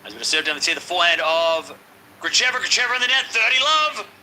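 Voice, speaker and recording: A man giving casual live play-by-play of tennis matches, excitable and chatty, talking straight to his viewers. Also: sits high, fast talker, a little hiss or hum, low-quality recording. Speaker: live-stream tennis commentator. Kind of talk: casual watch-along play-by-play commentary.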